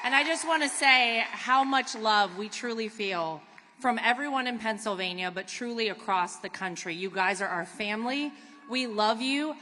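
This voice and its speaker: American woman, earnest rally speech, forceful bright tone, long hall reverb. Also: on the high side, moderate pace. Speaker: speaker at a political rally. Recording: reverberant large venue, faint noise.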